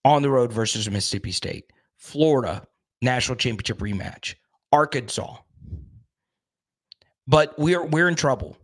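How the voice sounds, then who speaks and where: A man in his thirties hosts a casual live stream from a small room, speaking into a studio mic on a boom arm in front of him. With a mid-range voice, he's animated, reads chat comments aloud, and is quick to repeat words.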